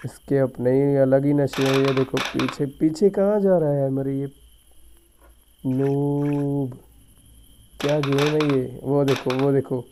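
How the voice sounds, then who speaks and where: A man's voice: medium pitch, fairly even intonation, normal speed, hardly any pauses, background noise. A man with a sore throat, muttering casual gameplay commentary as he plays and taunts the game character. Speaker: gaming YouTuber.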